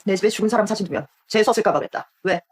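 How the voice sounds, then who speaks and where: An actress voicing a greedy, cruel middle-aged aunt who yells with scorn in a dubbed TV drama. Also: female voice, rapid-fire, husky, close to an everyday voice. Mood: scornful, shrill. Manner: shrill, scornful yelling. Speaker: aunt by marriage.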